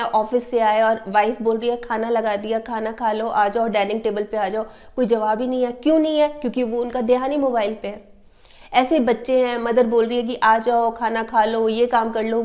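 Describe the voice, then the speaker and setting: A woman's voice: sits high, a little mellow. A woman hosting an advice talk, explaining with everyday examples and imitating the habits she describes. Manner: mimics sounds and repeats words to illustrate. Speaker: self-help video host.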